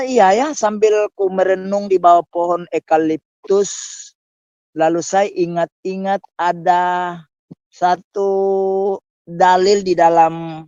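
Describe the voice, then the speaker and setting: Mocking pastor, dull dry lo-fi sound. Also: male voice, mellow, clean tone, dry recording. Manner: scornful, with sudden pitch jumps for emphasis. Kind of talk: mocking preachy talk show.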